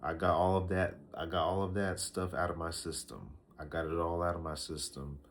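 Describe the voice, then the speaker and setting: Speaking to a camera, a male vlogger in his early thirties offers casual life advice slowly and reflectively, often repeating himself with fillers and restarts. His voice is deep and steady, with a little hiss or hum in the audio.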